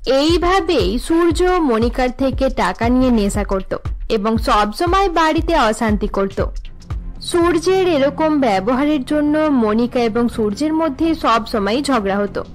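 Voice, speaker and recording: A woman tells a cartoon story in scripted, even narration, her voice sitting high with soft music behind it. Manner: even, measured telling.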